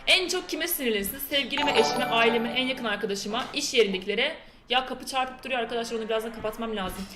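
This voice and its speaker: A woman's voice: on the high side, fast talker, roomy sound, loud music behind the voice. A young woman chatting casually with her live-stream chat and reading quiz questions aloud in a playful way. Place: indoor room with a door that keeps slamming.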